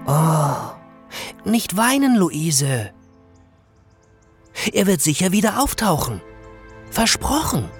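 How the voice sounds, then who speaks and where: A man playing a kindly, nostalgic old Kasper hand puppet in a children's audio drama, with a husky voice and expressive storytelling. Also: high-pitched, takes it slowly, pauses often, faint music behind, heavily acted. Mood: consoling.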